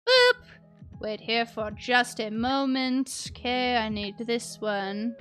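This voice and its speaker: A playful game streamer, this woman chats casually while livestreaming a game over background music, muttering little sound words to herself. Her voice is a little high and a bit bright, animated yet slow in pace.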